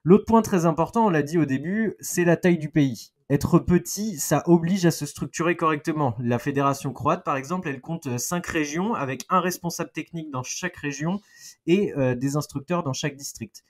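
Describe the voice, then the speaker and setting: A man in his thirties with a French accent, presenting a lively, joking football chronicle on a podcast and backing it with figures. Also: a little high, normal speed. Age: 30s. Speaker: football columnist.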